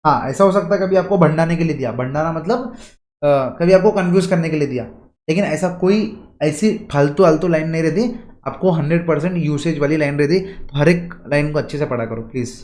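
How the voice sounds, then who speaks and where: High-voiced male exam tutor. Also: darkish tone, reverberant. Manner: explains step by step, repeats key lines, asks students questions; reads English lines slowly and stretched out. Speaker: teacher. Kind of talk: exam coaching lecture.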